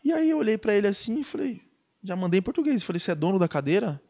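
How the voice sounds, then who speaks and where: A man's voice: sits high, very fast. A Brazilian man, a guest surfer on a podcast, telling a story in casual, slangy speech and acting out the dialogue. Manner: animated, slangy, acts out quoted dialogue.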